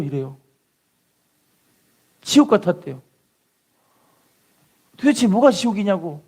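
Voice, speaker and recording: A man preaching a lively sermon, often calling out hallelujah and putting rhetorical questions to the congregation. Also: high voice, gravelly.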